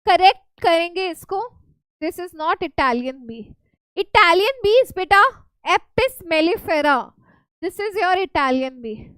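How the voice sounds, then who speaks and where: A woman's voice: very high-pitched, lively intonation, normal speed, fairly bright tone, no room sound, rough recording. A woman with a North Indian accent teaching a live revision lesson as a school science teacher, repeating key phrases and often checking in with students.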